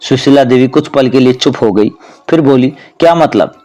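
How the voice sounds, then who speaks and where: A man telling a household story in narration, reading every character's lines in the same even voice. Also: medium pitch, moderate pace.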